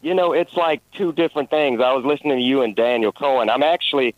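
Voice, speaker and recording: A young adult man calling in to a radio show over a phone line, talking in a halting, friendly way with many fillers. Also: medium pitch, dry recording. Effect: heard over a phone line. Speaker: radio call-in caller. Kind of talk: casual call-in chat.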